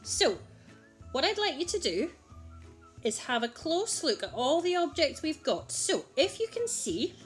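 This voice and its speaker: A woman's voice: high voice, very animated, unhurried, faint music behind. A woman presenting a children's game like an overbright party host, encouraging and exaggeratedly enthusiastic. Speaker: children's holiday club host.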